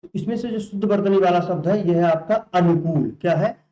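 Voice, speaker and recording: In a roomy, muffled recording, a man with a fairly high, warm voice speaks a little quickly. He's a Hindi exam tutor working through spelling questions, echoing each answer back to the learners as a question.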